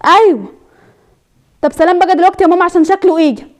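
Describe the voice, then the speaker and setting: A woman with an Egyptian accent playing a scheming young wife who chatters quickly and nags her husband into a fight. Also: extremely high pitch. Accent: Egyptian Arabic. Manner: rapid nagging chatter, stirring up trouble. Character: meddling scheming young wife, shrill and pushy. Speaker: scheming wife in a comedy sketch.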